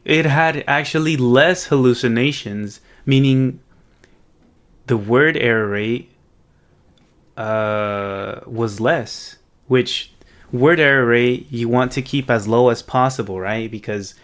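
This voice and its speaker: A man's voice: medium pitch, fairly bright tone. A man hosting an informal coding video, thinking aloud and often checking in with the viewer as he explains. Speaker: host of a coding project video series. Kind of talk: casual unscripted tech walkthrough.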